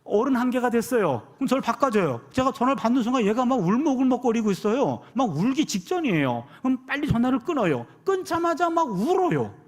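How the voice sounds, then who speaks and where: High-voiced, lively male preacher. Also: fast, few pauses. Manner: animated storyteller who acts out quoted dialogue. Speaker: pastor and professor. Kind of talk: sermon with personal storytelling. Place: church sanctuary.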